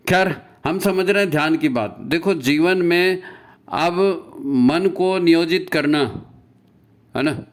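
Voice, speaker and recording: Guy preaching about meditation, slightly higher voice, keeps asking "right?" and repeats lines. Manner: rhetorical questions and repetition, tagging "है ना?"; recites scripture and mantra lines. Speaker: spiritual speaker. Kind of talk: spiritual discourse on meditation.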